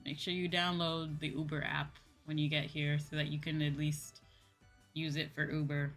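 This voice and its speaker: Her voice sits low and her delivery is flat, at normal speed, as this virtual streamer hosts a livestream. She chats casually with viewers, rambling, thinking out loud, and circling back over her points while background music plays.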